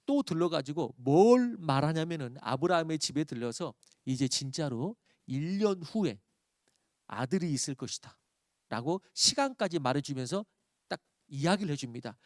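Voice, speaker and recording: A man preaching a sermon as a pastor, reading scripture slowly and rising to loud emphatic peaks before dropping to quiet asides. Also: fairly high pitch, expressive, no echo, clean studio sound. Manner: reads scripture slowly aloud.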